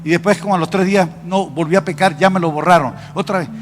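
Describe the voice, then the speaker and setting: High-voiced preacher in a big hall. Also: male voice, quick pace, a little hiss or hum. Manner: animated storytelling, acting out dialogue. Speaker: apostle preaching. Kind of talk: sermon testimony. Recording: long hall reverb with faint music.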